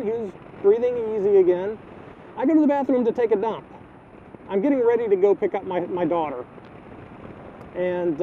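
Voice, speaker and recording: A middle-aged man in a personal video diary, halting and repeating words, choked up with grief. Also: high voice. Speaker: vlogger. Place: outdoors, filming the neighborhood. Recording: tinny phone-like audio, faint wind noise.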